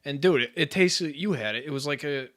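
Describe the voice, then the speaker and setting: A man co-hosting a casual podcast, rambling through stories in an animated way and laughing often. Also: fairly high pitch, a little fast. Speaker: podcast co-host.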